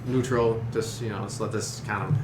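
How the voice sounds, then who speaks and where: A man narrating a tabletop role-playing game as game master, halting and searching for his words. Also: fairly low pitch, steady tone. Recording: roomy, echoey, noisy room recording.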